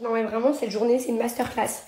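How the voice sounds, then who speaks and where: A young woman with a high voice vents into her phone at arm's length, sarcastic, indignant and firing off one jab after another. The room around her rings with a noticeable echo, like a bare apartment. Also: level tone, warm tone. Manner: indignant, sarcastic, rapid-fire. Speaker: reality TV personality and influencer. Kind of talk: social media story rant. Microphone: phone held at arm's length.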